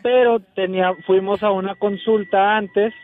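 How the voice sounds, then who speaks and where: A man's voice: high-pitched, fairly even intonation, normal speed, soft background music. A young man from Monterrey, calling in to tell a story, hesitant with many fillers. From Monterrey, Mexico. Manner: hesitant, fillers, acts out quoted lines. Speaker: caller. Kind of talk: telling a story on a call-in show. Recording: tinny phone line.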